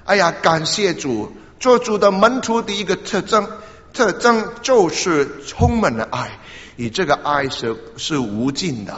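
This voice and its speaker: An older man preaches a storytelling sermon, his pitch animated and roaming widely. He halts and repeats words as he goes, and breaks in with small interjections. The sound is dull and lo-fi, with a long hall reverb behind it. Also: a little slow. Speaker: pastor.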